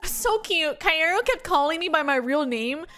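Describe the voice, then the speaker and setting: A young woman with a notably high voice, chatting on stream in a loose, rambling way and giggling often. Soft music plays faintly behind her. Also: expressive, moderate pace. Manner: rambling and giggly, with frequent laughs and filler words. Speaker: VTuber streamer. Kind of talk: casual chat stream, storytelling.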